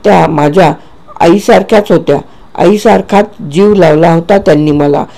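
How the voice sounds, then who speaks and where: A man's voice: a little high, normal speed, creaky, warm tone. A man voicing a tearful, disturbed fourteen-year-old boy who pleads between sobs. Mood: distraught. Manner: pleading, sobbing.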